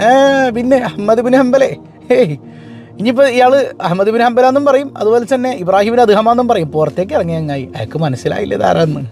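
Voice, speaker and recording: A man's voice: sits high, a little mellow. A man preaching an emphatic storytelling sermon, often asking his listeners questions.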